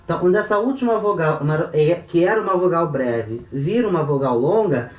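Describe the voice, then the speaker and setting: Brazilian male teacher, somewhat high voice, patient and methodical, echoey room, mic at a distance. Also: expressive, fairly quick, dull audio. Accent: Brazilian Portuguese. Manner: patient, step-by-step, counting syllables aloud. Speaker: Ancient Greek teacher. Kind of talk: explaining grammar on a board. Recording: roomy echo, voice off-mic.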